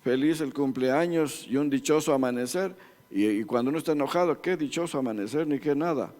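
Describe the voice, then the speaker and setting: An Ecuadorian man in his sixties preaches at a church couples' meeting, folksy and full of jokes. His voice sits at a middle pitch, and a long reverb from the church hall trails each phrase. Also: brisk, a little mellow. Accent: Ecuadorian Spanish. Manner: folksy and joking, addresses listeners as beloved brothers. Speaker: church couples-ministry speaker. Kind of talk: preaching to a congregation.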